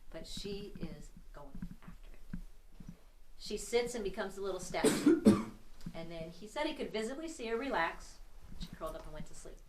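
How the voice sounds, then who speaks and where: A woman's voice: mid-range voice, very animated, fairly quick, background noise. A middle-aged woman telling stories to a tour group while guiding them around an old building she owns. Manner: chatty, laughs at herself. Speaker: tour guide and building owner. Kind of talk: casual storytelling to a tour group. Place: large old empty building indoors. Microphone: no mic, heard from a distance. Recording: echoey room from far off.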